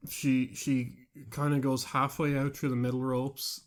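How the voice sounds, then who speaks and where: A man's voice: mid-range voice, flat delivery, a little slow. Irish guy rambling on a podcast, amused, keeps trailing off. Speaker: podcast co-host. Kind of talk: casual chat.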